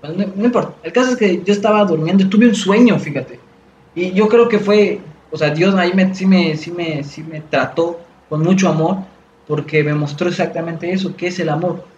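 A man's voice: high voice, normal speed, darkish tone, a little hiss or hum. A man telling a personal faith testimony in a casual chat, rambling with many fillers and restarts. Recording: echoey room, dull sound.

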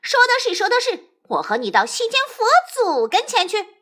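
A woman's voice: sits high, sing-song, moderate pace, sharp tone, exaggerated voice. A woman voicing a bold, impatient young male monkey king in a storybook tale, speaking in a raised, eager voice. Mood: clamoring.

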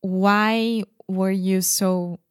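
Casting: Brazilian female podcast co-host, Portuguese native, careful halting English, unhurried, close dry sound. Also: mid-range voice, steady tone, clean tone, no room sound. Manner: careful, halting English with restarts and searching for words. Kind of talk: casual podcast chat.

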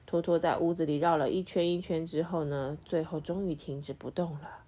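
Mellow-voiced woman reading a picture book aloud. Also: low-pitched, brisk, slightly rough. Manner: animated, acts out sound effects and quizzes the child. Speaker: parent reading to her child.

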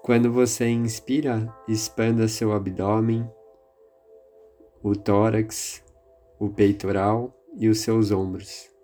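A man with a Brazilian accent leading a guided meditation in a calm, soothing, measured manner. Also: lowish voice. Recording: music behind the voice. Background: music.

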